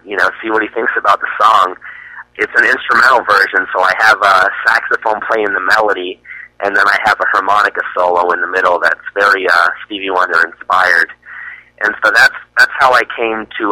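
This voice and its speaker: Male musician guest from the US East Coast, bright dry voice, halting and full of fillers. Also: deep voice, no echo, rough recording. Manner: hesitant, many fillers and restarts. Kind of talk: casual interview answers.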